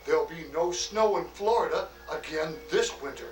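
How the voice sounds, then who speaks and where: A man playing a hearty, fatherly old Santa Claus in an acted greeting monologue, chuckling often and talking in a slow, homely way full of "oh" and "why". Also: on the high side, echoey room, distant mic, soft background music, natural voice, rough recording. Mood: jolly.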